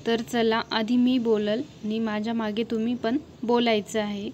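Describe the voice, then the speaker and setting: Higher-voiced Maharashtrian woman explaining to a child. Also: little pitch movement, moderate pace, darkish tone, dull audio, slight background noise. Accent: Maharashtrian Indian. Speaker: teacher presenting a spelling lesson for children. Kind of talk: children's spelling lesson.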